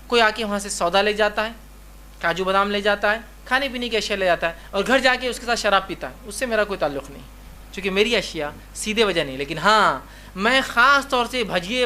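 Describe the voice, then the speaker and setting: Forceful-voiced man giving a religious lecture. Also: high voice, slight background noise. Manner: conversational, with rhetorical questions and repeated reminders. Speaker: Islamic lecturer.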